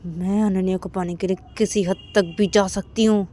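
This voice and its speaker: A woman's voice: mid-range voice, fairly even intonation, moderate pace, mellow, a little hiss or hum, natural voice. Woman doing a jealous, scheming young woman. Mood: angry, scheming. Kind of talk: storytelling role-play.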